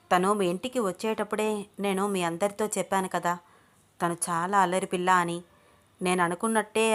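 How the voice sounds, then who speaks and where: A fretful middle-aged mother who talks on and on in worry, read by a woman storyteller. Her voice is a plain mid-pitched woman's voice. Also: a bit bright, close to an everyday voice.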